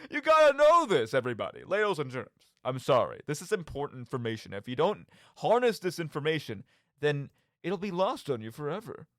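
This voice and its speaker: Theatrical and addressing the listener directly, this male podcast host runs a games commentary monologue full of rhetorical questions. His slightly high voice swoops with very animated intonation at a brisk clip. The sound is close-miked with no echo.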